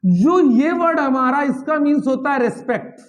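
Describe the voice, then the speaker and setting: A man lectures on physics in a very high voice. He keeps asking his students questions, answers them himself, and repeats each key term. His delivery is classroom teaching rather than casual chat. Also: expressive, moderate pace. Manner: mixes English terms into Hindi, repeats key words.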